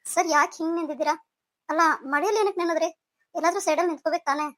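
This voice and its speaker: A woman's voice: very high-pitched, fairly even intonation, very fast, fairly bright tone, no echo, clean studio sound. A woman voicing a young female student and wife in a cartoon, talking in an earnest, polite, reproachful way. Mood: concerned. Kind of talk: cartoon voice acting.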